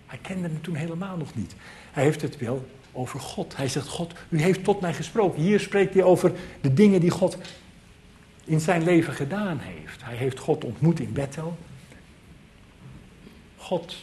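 A man's voice: a little high, lively intonation, moderate pace, long pauses, dark tone. A man preaching a sermon, earnest and emphatic, repeating key phrases for weight.

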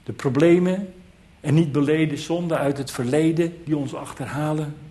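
A man's voice: fairly high pitch, fairly even intonation, moderate pace, warm tone. A man preaching a sermon, earnest and emphatic, repeating key phrases for weight.

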